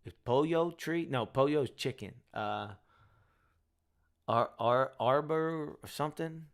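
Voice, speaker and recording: A man's voice: fairly high pitch, measured pace. A tired young man with a Delco accent, chatting casually with viewers as a show host, rambling and joking about himself. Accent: Delco, Delaware County, Pennsylvania. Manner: rambling, self-deprecating, joking. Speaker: rideshare driver and channel host. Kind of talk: casual chat with live viewers.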